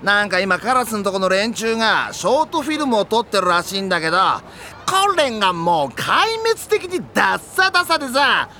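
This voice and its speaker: Campy, swooping, laid-back reggae dude. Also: male voice, sits high, sing-song, normal speed, pushed and bright, slight background noise, full character voice. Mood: enthusiastic. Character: flamboyant laid-back reggae-loving young male gang member. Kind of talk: comedic anime audio drama. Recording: music bed behind the voice.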